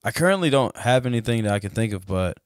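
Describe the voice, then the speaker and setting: A man's voice: medium pitch, expressive, quick pace, dry recording, clean studio sound. A man appearing as a podcast guest, talking casually in slangy English that is peppered with Spanish words.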